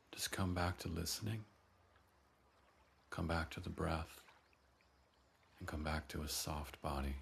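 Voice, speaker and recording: Very deep, slow, gravelly-voiced man. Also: slight background noise. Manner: soft, gentle, unhurried instructions with audible sighs. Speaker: breathwork and voice teacher. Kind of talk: guided breathing meditation.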